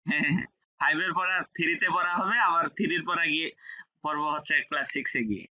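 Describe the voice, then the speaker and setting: A man's voice: on the high side, fairly even intonation, racing, pushed and bright, lo-fi sound. A man teaching an online class, explaining step by step, repeating key words and checking that students follow. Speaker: French teacher.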